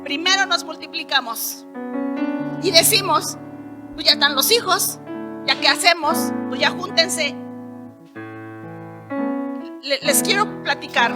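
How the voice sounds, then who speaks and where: A middle-aged Mexican woman from Hidalgo giving an emphatic sermon testimony, rising to loud declarations. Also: sits high. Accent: Mexican Spanish. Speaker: preacher. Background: soft keyboard music.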